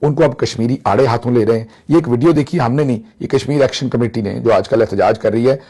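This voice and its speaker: A man's voice: medium pitch, quick pace, warm tone. A man from Pakistan giving mocking political commentary, slipping into Punjabi phrases.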